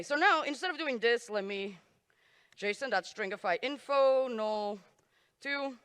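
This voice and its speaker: Bright-voiced woman live coding on stage. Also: on the high side. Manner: self-deprecating, joking asides while typing. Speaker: conference speaker. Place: conference stage in a large hall. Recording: reverberant hall.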